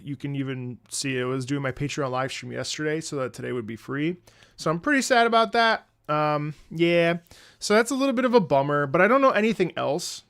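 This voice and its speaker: A man streaming a game, chatting casually with his viewers in an excitable, rambling way, swearing and greeting people by name. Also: on the high side, clear, resonant tone. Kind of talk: casual livestream chat.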